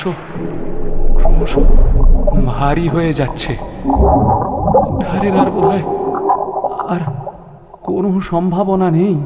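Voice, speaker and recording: An actor playing an earnest, weary professor who narrates his ordeal in a dramatic, halting way. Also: fairly high pitch. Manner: dramatic, halting, with repeated words. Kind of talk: dramatised first-person story narration.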